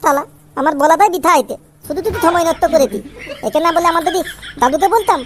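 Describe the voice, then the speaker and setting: A performer voices a cheeky, foul-mouthed little boy in a comic cartoon, with a very high pitch, a quick pace, and crowd noise behind him. The character boasts and grumbles through a childish lisp, muttering sulkily.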